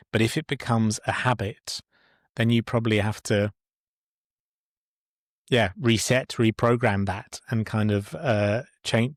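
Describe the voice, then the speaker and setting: Guy hosting a podcast, lowish voice, lots of ums and restarts, dry close sound. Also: no room sound. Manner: hesitant, many fillers and restarts. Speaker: podcast host. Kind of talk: casual conversational interview.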